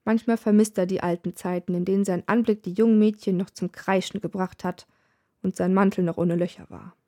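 Woman narrator for a wry, dryly comic story reading; mid-pitched voice. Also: fairly even intonation, fairly quick, mellow.

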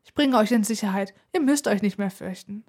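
A woman's voice: mid-range voice, brisk, darkish tone, lightly acted. A woman voicing a vain, gallant young prince who speaks in a courtly, protective way.

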